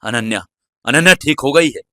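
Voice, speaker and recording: A man voicing a sharp-tongued scheming mother. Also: mid-range voice, normal speed, no room sound, studio quality, lightly acted. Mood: curt.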